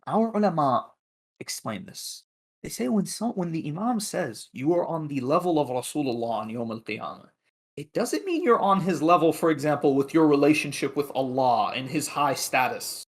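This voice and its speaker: A man giving a religious history lecture, retelling narrations in an animated way and acting out the quoted lines. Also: on the high side.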